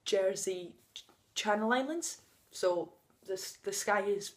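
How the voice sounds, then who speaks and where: Slightly slow and mid-range, the voice belongs to a woman in her thirties who stutters, blocking on first sounds. She speaks openly and emotionally in an unscripted personal vlog, laughing at times, outdoors on a sunny day.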